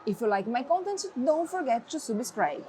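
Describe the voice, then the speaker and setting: A tech reviewer whose first language is Portuguese casually demonstrates a tablet's features step by step. Her voice is a little high, her pace moderate, her manner relaxed with non-native phrasing, and there's a bit of hiss or hum.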